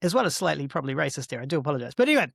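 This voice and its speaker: Chatty man with a gravelly, fairly high voice. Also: very animated, racing, fairly bright tone, no echo, clean studio sound. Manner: chatty, laughs often, restarts words. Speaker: podcast co-host. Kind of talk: casual podcast chat.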